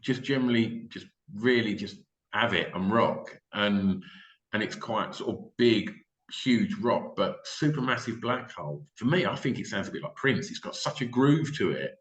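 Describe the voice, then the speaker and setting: This podcast host, a man with an English accent, keeps the interview loose and upbeat, his fairly low voice moving with lively intonation at a normal speed. Echoey room sound surrounds him.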